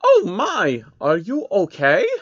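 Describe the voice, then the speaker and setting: A man voicing a gentle, lonely female alicorn princess in a soft falsetto for a fan story. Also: huge pitch swings, takes it slowly, no echo, dull audio, heavily acted. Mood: gentle concern.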